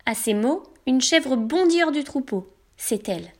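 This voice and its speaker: A woman with a high voice tells a children's story in the first person. She reads animatedly and acts out each turn of feeling. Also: measured pace. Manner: animated, acts out emotions as a girl.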